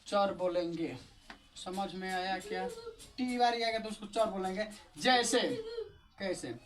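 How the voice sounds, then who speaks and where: A teacher walks through English pronunciation in a video lesson, spelling each word out letter by letter. The delivery is casual and chatty, with frequent rhetorical questions. The voice sounds a little distant from the mic. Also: mid-range voice. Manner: explains step by step in a casual, chatty tone.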